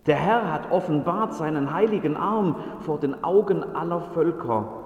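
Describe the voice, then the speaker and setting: A man's voice: fairly high pitch, animated, moderate pace, dull audio. A man preaching a sermon, reading scripture and telling the story in a solemn, dramatic way. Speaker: pastor. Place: church. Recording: echoey church with long reverb.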